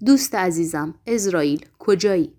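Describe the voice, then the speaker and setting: Behemoth, a gruff talking tomcat, as a woman puts him on. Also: medium pitch, animated, darkish tone, natural voice. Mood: dying lament. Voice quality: rough, gruff voice. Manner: melodramatic, self-pitying.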